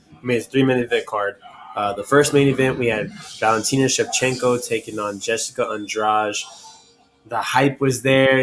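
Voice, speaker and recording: A man's voice: medium pitch, fairly bright tone, poor audio. Man talking fights over faint room noise. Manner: measured, lots of "uh" and "I mean". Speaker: podcast host. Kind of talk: casual fight talk.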